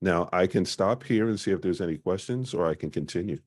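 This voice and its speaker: A man presenting a small-business marketing workshop in a conversational way, often pausing on "uh". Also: deep voice, a little mellow. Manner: conversational, frequent "uh" fillers.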